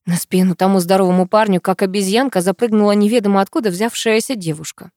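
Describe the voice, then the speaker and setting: A woman narrates a dramatic first-person novel with an expressive, emotional delivery. Her voice sits in a middle register. The recording is dry and close. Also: mid-range voice, fast talker, dry recording. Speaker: audiobook narrator.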